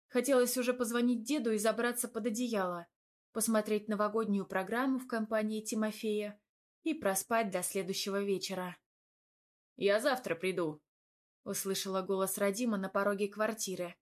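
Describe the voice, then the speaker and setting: Expressive woman reading an audiobook. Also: mid-range voice. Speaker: audiobook reader. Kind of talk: first-person novel narration with character voices.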